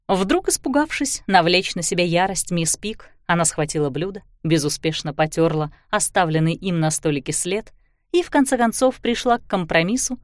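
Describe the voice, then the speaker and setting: A woman narrating a story with expressive, scripted delivery. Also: mid-range voice, no echo, clean studio sound.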